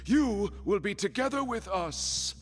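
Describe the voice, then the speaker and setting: An actor playing a sanctimonious, insistent court accuser in a video game, with grandiose declamatory delivery. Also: male voice, sits high, expressive, unhurried. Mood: fervent, possessive. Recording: long hall reverb, music underneath.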